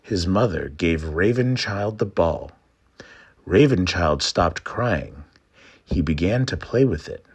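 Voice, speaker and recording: A man with a low, husky voice presents a trickster tale as a storyteller. He takes his time, and his pitch moves in broad, lively swings. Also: takes it slowly. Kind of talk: scripted folktale narration and explanation.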